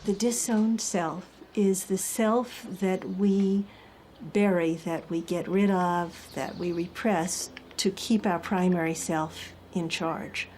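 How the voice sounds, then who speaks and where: A woman explaining psychology in a calm, measured lecture. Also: lowish voice, a little hiss or hum. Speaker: psychology teacher.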